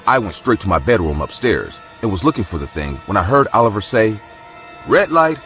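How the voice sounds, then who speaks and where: Brief: male horror narrator, measured and dramatic, animated delivery with music under it. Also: lowish voice. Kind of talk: scripted horror story narration. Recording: narration over loud music.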